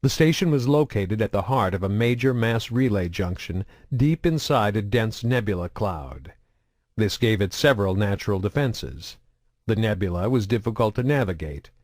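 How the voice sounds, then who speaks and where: Low-voiced man reading an audiobook. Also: lively intonation, normal speed, a little mellow, no echo, studio quality. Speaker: audiobook narrator. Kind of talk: audiobook narration.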